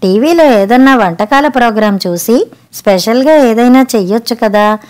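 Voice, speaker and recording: A woman's voice: on the high side, lively intonation, normal speed, darkish tone, natural voice. A woman voicing a demanding middle-aged husband who keeps asking for special food in a storybook reading. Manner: demanding, grumbling.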